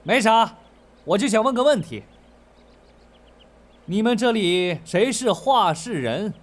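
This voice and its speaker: A man's voice: high voice, animated, slow. A man playing a cocky modern young man trapped in an ancient-times game, talking boastfully and smugly in a comedy drama. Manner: boastful, smug.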